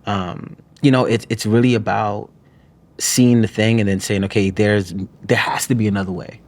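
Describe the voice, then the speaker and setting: A man's voice: fairly low pitch, fairly even intonation. A man from New York, a guest author and poet, talking reflectively in an interview with frequent restarts and filler phrases. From New York, USA. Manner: halting, frequent restarts, peppered with "you know what I'm saying".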